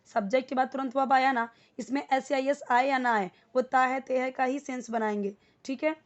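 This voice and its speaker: A woman teaching spoken English in Hindi, explaining grammar step by step and repeating words slowly for learners to copy. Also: high voice, fairly even intonation. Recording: dull lo-fi recording.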